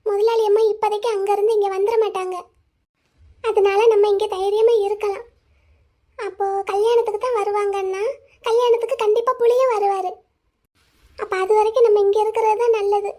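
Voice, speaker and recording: A woman voicing a worried young woman in an animated drama, talking in a pleading way. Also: very high-pitched, fairly quick, pauses often. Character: young woman Angel, anxious, hiding away.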